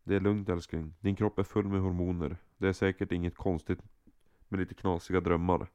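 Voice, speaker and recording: A man playing a caring young boyfriend in an audio drama, speaking softly and affectionately. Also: sits low, flat delivery, no room sound, lightly acted. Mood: teasing. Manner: soft, affectionate and playful. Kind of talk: amateur audio drama acting.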